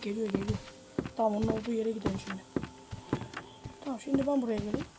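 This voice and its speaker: A young woman giving foul-mouthed, yelling commentary while playing a horror game. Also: fairly high pitch, fast talker, very noisy. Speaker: gameplay streamer.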